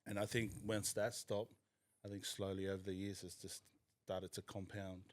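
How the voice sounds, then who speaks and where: Candid low-voiced man, casual guest. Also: flat delivery, moderate pace, no echo. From New Zealand. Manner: candid, reflective. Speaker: podcast guest. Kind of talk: casual chat.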